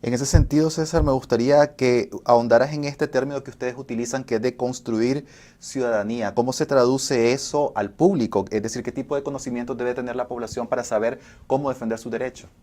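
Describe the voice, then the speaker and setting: A man's voice: medium pitch, steady tone, fairly quick, darkish tone. Formal man hosting a TV interview. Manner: formal, poses long structured questions. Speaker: TV show host.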